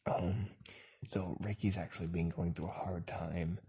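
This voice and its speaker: A man's voice: deep voice, fairly even intonation, measured pace, dark tone, husky. A man doing improvised crude comedy banter, rambling through absurd profane stories and often breaking into laughter.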